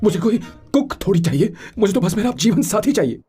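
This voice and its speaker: A man's voice: high voice, very animated, brisk, dark tone, husky, soft background music, heavily acted. An actor dubbing a lovesick young man who is a devoted brother, speaking emotional, pleading film dialogue. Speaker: film hero, Hindi dub.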